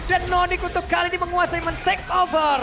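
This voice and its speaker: High-pitched Indonesian woman esports caster. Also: a little fast, creaky. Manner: animated, shouts names and key plays. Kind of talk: excited esports play-by-play commentary. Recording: loud music under the voice. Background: loud music.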